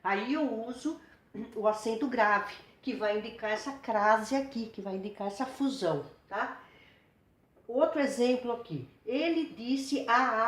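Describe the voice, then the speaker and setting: A woman teaching a grammar lesson, patient and repetitive, slowing down to spell out her examples. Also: a little high, reverberant. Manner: patient, repeats words and restarts, slows to spell out examples.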